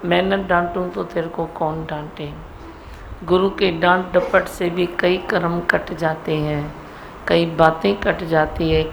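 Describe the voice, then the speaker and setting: A middle-aged woman guru leads a satsang for her devotees, teasing and scolding them in a slow, gravelly voice. Her pitch is fairly low, and the rough recording carries faint background noise.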